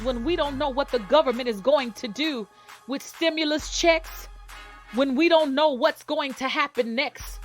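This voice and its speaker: High voiced lady on gospel radio praying hard, preachy call and response, soft music behind. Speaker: gospel radio morning host. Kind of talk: fervent live radio prayer and exhortation.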